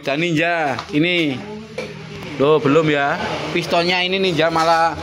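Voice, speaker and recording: A man's voice: a little high, fairly even intonation, a little slow. A man with a Javanese accent, a motorcycle mechanic, talking casually as he works in his repair shop and explains each step. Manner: chatty, explains while working, acts out customer's words. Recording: workshop noise with engine sounds.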